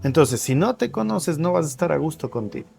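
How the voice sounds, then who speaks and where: Animated Spanish-speaking coach, fairly high voice. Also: male voice, brisk, vocal fry, faint music behind. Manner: animated, asks and answers own questions. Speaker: coach, interview guest. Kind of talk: conversational explanation. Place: café.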